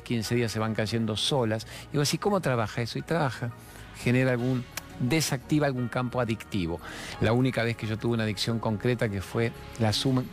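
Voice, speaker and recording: A man in his sixties with an Argentine accent, hosting a TV talk show in a fast, playful, expressive way that moves from jokes to spiritual reflection. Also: mid-range voice. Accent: Argentine Spanish. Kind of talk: chatty monologue with humorous anecdotes and sponsor mentions.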